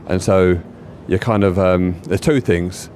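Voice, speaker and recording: Excitable man telling a rambling anecdote. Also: sits low, slow, slight background noise. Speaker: podcast co-host. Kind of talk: casual chat.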